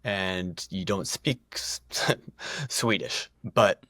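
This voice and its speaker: A man's voice: low-pitched, extremely slow, sharp tone, dry recording, clean studio sound. A middle-aged man talking as a podcast guest, rambling and self-deprecating, with frequent restarts and laughs. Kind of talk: casual podcast conversation.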